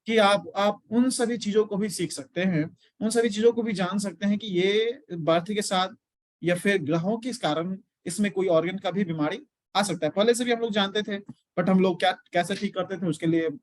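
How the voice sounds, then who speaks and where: High-voiced man teaching acupressure. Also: moderate pace, no echo. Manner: explains step by step, checks in with "है ना?". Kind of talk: Hindi-English lecture class.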